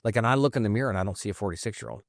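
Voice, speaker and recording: A man in his forties with a Central Pennsylvania accent, an earnest podcast host talking openly in quick bursts. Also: lowish voice, vocal fry, no echo, studio quality. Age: 40s. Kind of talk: conversational interview.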